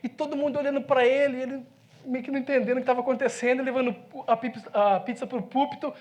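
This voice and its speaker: A man with a Brazilian accent, a pastor preaching in a church, telling a story with lively swings from loud to hushed speech. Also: very high-pitched, fast talker. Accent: Brazilian Portuguese. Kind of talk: sermon storytelling. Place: church sanctuary.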